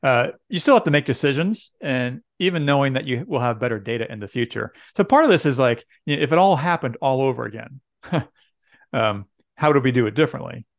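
A man's voice: medium pitch, animated, fairly quick, creaky, no echo, studio quality. A middle-aged man, a pastor co-hosting a podcast, talking casually with lots of fillers and easy laughs. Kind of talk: casual chat.

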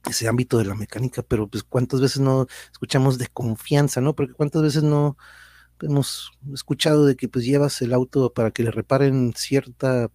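A man's voice: mid-range voice, steady tone, normal speed, mellow, no echo, studio quality. A middle-aged Mexican man hosting a casual live-stream chat, greeting viewers by name and reading their comments in a chatty, slangy way. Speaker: podcast host and teacher.

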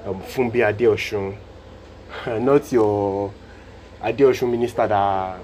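A man's voice: lowish voice, steady tone, slow pace, darkish tone, slight background noise. A Nigerian man hosting a casual solo podcast, speaking earnestly and repeating his points for emphasis. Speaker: podcast host.

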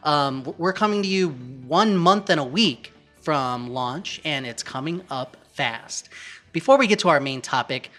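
Brief: bright-voiced male podcast host, joking, hype-driven intros, faint music behind. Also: a little high, expressive, measured pace. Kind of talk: casual podcast chat.

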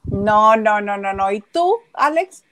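A woman's voice: medium pitch, lively intonation, slow, crowd noise. A woman with a Mexican accent co-hosting a casual chat, reacting with exclamations. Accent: Mexican Spanish. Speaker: show co-host.

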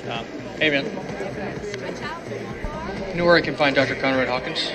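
A man's voice: medium pitch, slow pace, natural voice. An actor playing an earnest young male medical student in a TV drama, speaking hesitantly and casually. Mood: unsure. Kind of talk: TV drama dialogue. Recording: loud crowd behind.

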